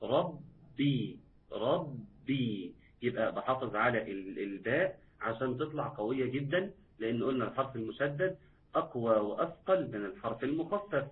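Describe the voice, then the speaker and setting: This recitation teacher, a man with an Egyptian Arabic accent, runs a live online class where he patiently repeats things and quizzes viewers. He speaks expressively and a little fast in a mid-pitched voice, with audio that sounds tinny and phone-like.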